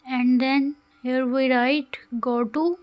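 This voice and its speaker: A woman's voice: high-pitched, steady tone, slow, darkish tone. A woman narrates a coding tutorial in a careful, instructional way, with phrasing. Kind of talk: scripted screen-recorded tutorial narration.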